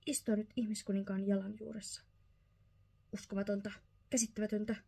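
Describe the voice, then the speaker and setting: Fussy, despairing father mouse voiced by a woman, whispered role-play storybook reading, creaky and dark. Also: mid-range voice, level tone. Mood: agitated. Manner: exclaiming, despairing. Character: agitated, fussy old male father mouse.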